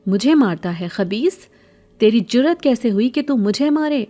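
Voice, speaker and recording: A woman's voice: mid-range voice, dark tone, lightly acted. A woman voicing a middle-aged beggar woman in a horror story, pleading and sweet-sounding, later harsh and scolding. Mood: harsh angry.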